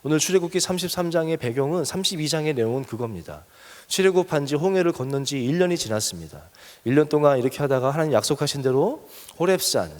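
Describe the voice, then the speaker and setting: Korean pastor preaching in a reverberant hall. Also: male voice. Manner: earnest, asks the congregation questions, rises in pitch and force when urging. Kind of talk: sermon.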